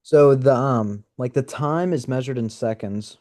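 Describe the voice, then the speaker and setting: A male student on a video call asks his question hesitantly, padding it with "like" and "um". His voice is mellow and warm, at an ordinary pitch for a man. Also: measured pace. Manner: hesitant, many "like" and "um" fillers. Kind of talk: classroom question. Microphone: computer mic on a video call.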